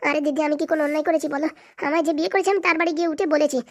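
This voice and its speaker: A woman plays a jilted cartoon wife with a high voice who argues at a racing pace. She is insistent and complaining, never letting up. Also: steady tone, racing, natural voice. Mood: aggrieved. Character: jilted young wife, bold and demanding.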